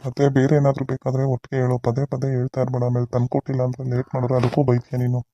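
A man's voice: mid-range voice, completely flat delivery, very fast, dark tone, no room sound, highs cut off, natural voice. A man playing an easygoing village father who sounds weary and grumbles at his wife in a family skit. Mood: grumbling.

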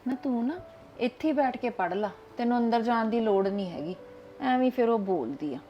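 A protective older grandmother, played by a woman, who comforts and commands at once. Her voice sits a little high. Faint music plays underneath. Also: lively intonation, fairly quick, dull audio, close to an everyday voice. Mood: doting. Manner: warm but bossy. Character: doting grandmother, protective and firm.

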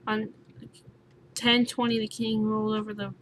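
A woman's voice: mid-range voice, level tone, moderate pace. Swearing young woman gaming, sleepy. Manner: swears often, exclaims, thinks aloud. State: sleepy, just woke up. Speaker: gaming YouTuber. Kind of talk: let's play commentary. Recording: noisy home recording with keyboard sounds.

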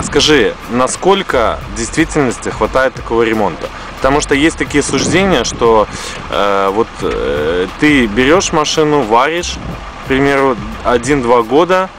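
A man's voice: mid-range voice, background noise. A man interviewing casually, asking roundabout, hesitant questions full of fillers. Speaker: interviewer filming the video. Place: outdoors in a lane between garages.

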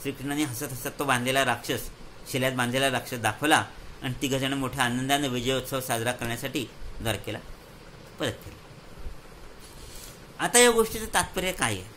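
Bright-voiced male children's storyteller. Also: mid-range voice, a little fast, pauses often, a little hiss or hum, rough recording. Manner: lively, repetitive, explaining. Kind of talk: moral story narration.

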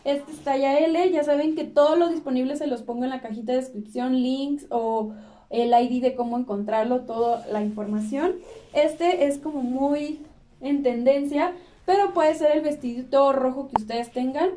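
A woman's voice: high-pitched, normal speed, dark tone, distant mic. A young Mexican woman presenting outfits to camera in a cheerful, chatty way with frequent laughs, recorded in a small room. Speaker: fashion vlogger. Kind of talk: casual chat to camera. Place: small indoor room with clothes rack.

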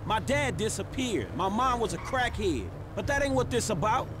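A man's voice: high voice, very animated, moderate pace. An actor playing a brash, streetwise young man with an American accent and slangy, dismissive delivery in a video game. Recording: game audio with loud music.

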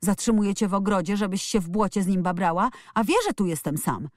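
A woman voicing a sickly, spoiled young boy who whines and shouts in self-pity in a storybook reading. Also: mid-range voice, quick pace, no echo, studio quality, voice pushed up, lightly acted. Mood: raging, whiny. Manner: whining, shouting tantrum.

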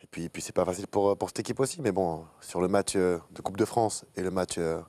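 A man's voice: deep voice, a little fast, mellow, no room sound. A man in his forties, a pundit in a TV studio, giving blunt, critical match analysis.

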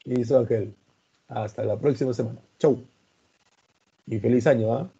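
Teaching history online to pre-university students, a man greets each by name and explains with homely examples. His mid-range voice is gravelly and warm with a breathy edge, steady in tone and at a normal speed, sounding stern, though he calls it merely his natural voice. The recording is muffled.

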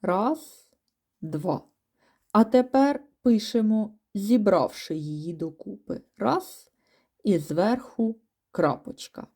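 A woman teaching a first-grade class, patiently sounding out letters one by one and using gentle diminutive words for small children. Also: medium pitch, animated, slow. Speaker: primary school teacher. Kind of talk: first-grade reading and writing lesson.

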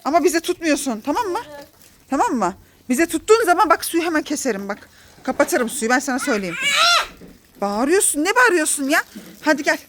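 High, lively mother scolding and coaxing. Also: brisk, a little hiss or hum. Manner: coaxing and scolding, laughing often. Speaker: mother filming her children. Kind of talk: casual family vlog. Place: outdoor garden.

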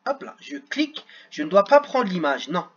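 A man's voice: high voice, sing-song, moderate pace, breathy edge, highs cut off. A man teaching young children at a computer, sounding out words syllable by syllable. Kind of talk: screen-recorded lesson for children.

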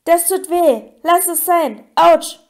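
A woman's voice: sits high, lively intonation, normal speed, voice pushed up. A woman voicing an anxious teenage wizard boy who talks desperately and breathlessly.

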